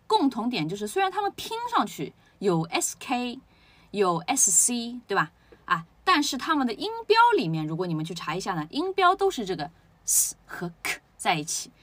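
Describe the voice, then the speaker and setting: Woman, pronunciation teacher, husky voice, animated pitch, drills words aloud. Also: a little fast, dry recording. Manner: explains step by step, asks rhetorical questions, drills words aloud. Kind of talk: spoken lesson.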